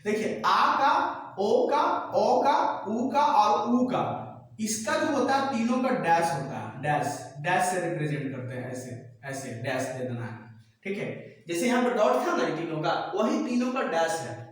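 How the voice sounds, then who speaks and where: A male teacher works through a whiteboard lesson in a patient, repetitive way, always checking that his students follow. His voice sits high for a man. It is picked up from away from the mic in a very echoey room. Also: big pitch swings, fairly bright tone, recorded from a distance. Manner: keeps asking "clear?" after each point; patient, repeats words slowly. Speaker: shorthand teacher.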